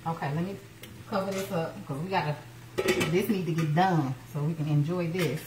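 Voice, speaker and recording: A woman's voice: low-pitched, fairly even intonation, normal speed, very noisy. A woman in her thirties hosting a live home cooking stream from her kitchen, chatting playfully with viewers and throwing in churchy exclamations. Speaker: home cooking show host. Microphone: phone camera, moving between close and across the kitchen.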